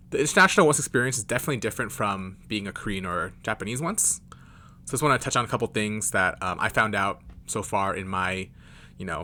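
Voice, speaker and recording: Young American man, lowish voice with a crisp edge, easygoing fan vlogger who rambles. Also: pushed and bright, slight background noise. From California, United States. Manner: loose, rambling delivery. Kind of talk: casual to-camera chat.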